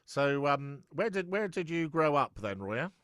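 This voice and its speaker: Rambling and chatty, a middle-aged interview host keeps stumbling and restarting during a casual chat. He has a fairly high, slightly bright voice with big pitch swings at a measured pace, captured at studio quality with no room sound.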